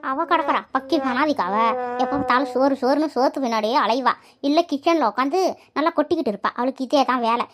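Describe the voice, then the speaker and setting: A shrill, grumbling old widow from a village cartoon, voiced by a woman. She complains endlessly about her daughter-in-law in a nasal, squeaky old voice and scolds whoever is near. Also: quick pace, fairly bright tone. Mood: complaining. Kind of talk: cartoon voice acting.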